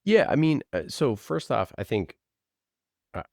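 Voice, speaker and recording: A podcast producer appearing as an interview guest talks casually and conversationally, pressing his points with emphatic, passionate conviction and rhetorical questions. His mid-range voice is very animated, a little slow, creaky, and darkish in tone. The studio-quality recording has no echo.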